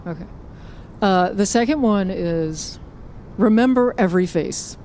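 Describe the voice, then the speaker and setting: A woman's voice: medium pitch, lively intonation, measured pace, mellow, a little hiss or hum, lightly acted. A woman voicing a self-important crow sage in an improvised comedy role-play, talking in rambling, stammering bursts. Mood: musing. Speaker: player voicing a character.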